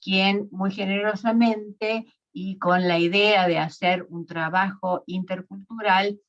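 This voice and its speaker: Woman, academic lecturer, unhurried, dull video-call sound. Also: fairly low pitch. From Argentina. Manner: measured, with fillers and self-corrections. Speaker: guest lecturer.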